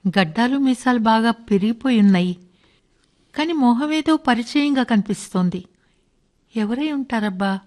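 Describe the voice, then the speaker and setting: A woman's voice: a little high, expressive, moderate pace, darkish tone, lightly acted. A woman playing a doctor caring for the army officer she loves, speaking urgently and pleading with herself, in a radio play. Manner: emotional, pleading inner monologue. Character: devoted young woman doctor, anxious. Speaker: radio drama actress. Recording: music behind.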